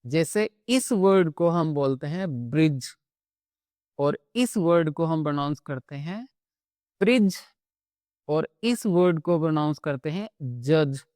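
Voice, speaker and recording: Slow, patient man teaching phonics. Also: a little high, expressive, darkish tone, no echo, studio quality. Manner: patient, repeats "theek hai" between points. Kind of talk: classroom-style phonics lesson.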